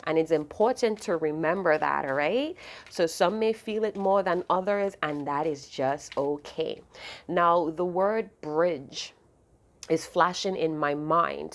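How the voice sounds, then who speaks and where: A woman with a slightly low voice talks her viewers through a spiritual reading. She sounds sleepy, and her delivery is soft and unhurried, with frequent little self-corrections along the way. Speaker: astrology and tarot reader.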